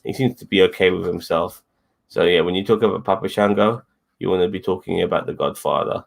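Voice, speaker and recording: This co-host, a man whose fairly low voice carries plenty of fry, talks fairly quickly in a laid-back wrestling review chat, meandering, repeating himself, and throwing in swear words.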